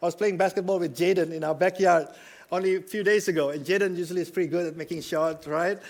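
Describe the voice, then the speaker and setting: Earnest preaching man, slightly high voice. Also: fairly even intonation, quick pace. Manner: earnest, emphatic preaching with frequent "right?" check-ins. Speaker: pastor. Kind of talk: sermon.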